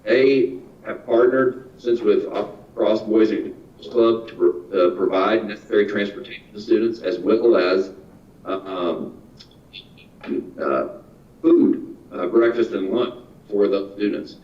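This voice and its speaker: A man reporting to a school board over a video call, his voice echoing on the line, speaking haltingly with frequent restarts. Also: fairly low pitch. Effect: echo on the video call line. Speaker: school district staff member reporting to a board. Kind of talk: online board meeting report. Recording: echoey, distant, dull video call audio.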